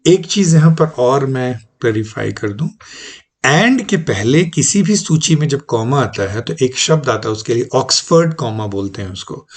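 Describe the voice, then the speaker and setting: A man teaching a recorded lesson, explaining slowly and patiently with many examples. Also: mid-range voice, lively intonation. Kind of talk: recorded online lecture.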